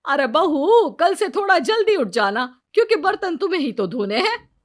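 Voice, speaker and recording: A woman's voice: very high-pitched, very animated, normal speed, pitched above the performer's own voice. A woman voicing a bossy older mother-in-law who scolds and gives orders, in a storybook cartoon. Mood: scolding. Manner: scolding, commanding.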